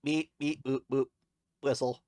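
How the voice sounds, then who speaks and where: A man's voice: mid-range voice, flat delivery, unhurried, darkish tone, dry recording, clean studio sound, lightly acted. A man running a tabletop game who voices a wordless serving robot as a robot voice, saying its beeps, boops and whistles aloud. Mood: chirpy. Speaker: game master.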